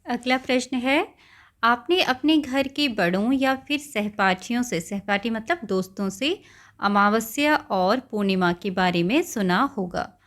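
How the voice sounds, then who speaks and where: Woman teacher, higher voice, patient and simple, explaining lessons to small kids. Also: animated, measured pace, fairly bright tone. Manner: often checks in with "okay" and "right". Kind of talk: explaining a textbook lesson to children.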